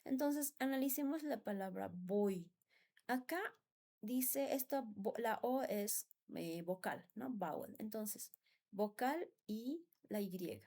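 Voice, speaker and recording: A woman whose first language is Spanish patiently explains English grammar in class, speaking slowly with a fairly high pitch, lively intonation and a dark tone. She repeats words and often asks "¿no?" to seek agreement.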